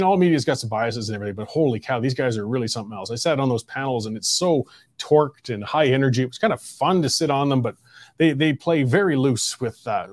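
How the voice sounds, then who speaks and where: A man's voice: medium pitch, no echo. A man hosting a political commentary show, delivering a blunt, combative opinion monologue with mocking jabs.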